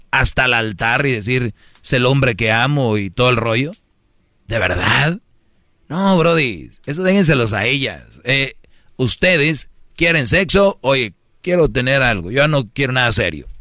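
A man's voice: mid-range voice, sharp tone, no echo, studio quality. A man with a Mexican accent, hosting a casual chat and giving brash, slangy dating advice with acted-out quotes.

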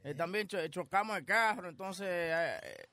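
High, bright-voiced radio co-host. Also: male voice, normal speed. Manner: sheepish, self-deprecating storytelling with filler hesitations. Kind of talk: casual comedic radio banter.

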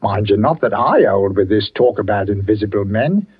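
A husky folksy village greengrocer. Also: male voice, lowish voice, lively intonation, moderate pace. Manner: folksy, deferential, dropped grammar. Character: superstitious village greengrocer and sexton, working-class man. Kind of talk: 1940s radio acting. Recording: dull old radio broadcast.

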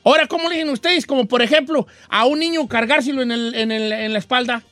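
High-voiced playful Mexican man. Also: fast, dry recording, faint music behind. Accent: western Mexican. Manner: playful, animated, explaining regional slang. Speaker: radio show host. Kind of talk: casual chat.

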